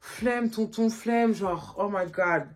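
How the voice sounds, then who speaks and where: A woman vlogger tells a story to her phone camera in a loose, animated way, scattering filler words as she goes. Her voice has a husky, breathy grain at a mid pitch. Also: slow pace. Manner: animated, slangy, full of fillers. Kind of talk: casual storytime.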